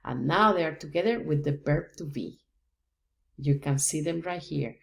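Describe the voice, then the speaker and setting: A woman's voice: deep voice, normal speed, gravelly. A woman from Rica, teaching a patient, step-by-step language lesson. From Costa Rica. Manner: patient, explains step by step with examples. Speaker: Spanish teacher. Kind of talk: slow, deliberate language lesson.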